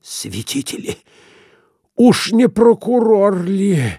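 A man's voice: sits high, big pitch swings, dark tone, breathy edge, no room sound, clean studio sound, voice pushed up, heavily acted. A man playing a jittery fleeing husband. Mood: fretful. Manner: fretful, hurried pleading. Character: jittery middle-aged husband desperate to flee.

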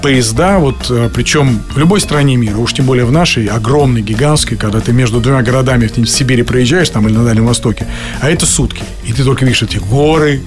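A man's voice: mid-range voice, fast talker, over music. A man in his fifties, an actor guest on a radio show, telling rambling, joking stories in casual studio chat.

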